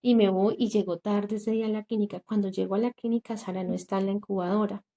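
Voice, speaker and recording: This young woman from Colombia speaks fast, her warm, medium-pitched voice holding a steady tone. Sharing a painful testimony as a guest on a podcast, she earnestly quotes the people she met, voicing them herself, with many fillers along the way.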